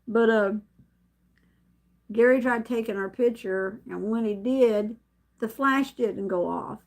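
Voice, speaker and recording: Middle-aged woman, rambling live-stream story, slightly high gravelly voice, laughs a lot. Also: slow pace. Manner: rambling, chatty, laughs often, many restarts. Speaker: vlogger hosting a live stream. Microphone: camera set up in front of her.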